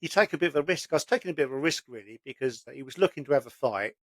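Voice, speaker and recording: A man's voice: mid-range voice, animated, rapid-fire, a bit bright, no room sound. A man, hosting a casual conversation and telling stories in a chatty, plain-spoken way.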